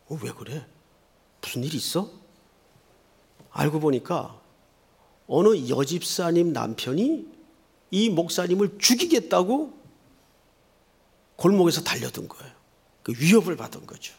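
Animated male preacher telling stories. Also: fairly high pitch, gravelly. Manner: storytelling, animated and earnest. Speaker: pastor. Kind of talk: sermon.

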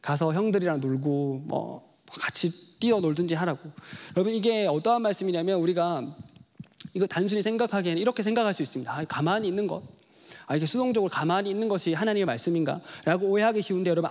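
A man preaching a sermon to his congregation, telling a childhood story in an animated way and acting out voices. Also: high voice. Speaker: pastor.

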